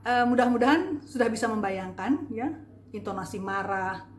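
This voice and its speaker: A woman's voice: on the high side, expressive, normal speed, slight background noise. Chatty woman teaching in echoey room. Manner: chatty, demonstrative, many filler "eh"s and "ya"s. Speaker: public speaking trainer. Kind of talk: casual video lesson. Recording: echoey room with faint ambience.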